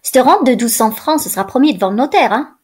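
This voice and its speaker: A woman's voice: fairly high pitch, expressive, fast, husky. A woman reading a wary old peasant man. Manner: sententious, wary.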